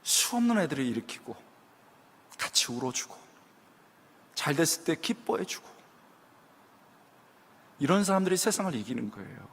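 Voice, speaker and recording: A man delivers a sermon to a young adults' group and brings his stories to life by acting out the people in them. His voice sits high and swings widely in pitch. The sound carries a long hall reverb. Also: normal speed, pauses often, slightly rough. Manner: animated storytelling, acting out quoted voices. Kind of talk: sermon with storytelling. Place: church hall.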